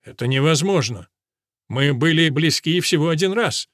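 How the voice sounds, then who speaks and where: A man's voice: fairly high pitch, expressive, moderate pace, fairly bright tone, dry recording, clean studio sound. A man voicing a proud young carpenter who protests indignantly. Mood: defiant.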